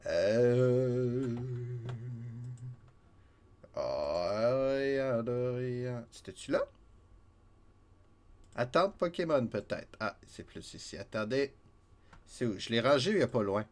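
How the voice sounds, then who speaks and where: A man with a Québécois accent chats casually through a game stream in a middle-pitched voice. He is self-mocking and laughs often. A slight stuffiness from a cold lingers in his voice. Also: expressive, very slow, pauses often, darkish tone. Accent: Québécois French.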